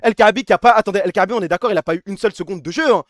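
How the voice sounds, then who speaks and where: A young man streaming live, talking in quick bursts of crude slang with a high voice. The sound is dry and close to the mic, with no room around it. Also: dry recording. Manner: fast, slangy, crude, laughs often. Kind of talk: casual live-stream chat.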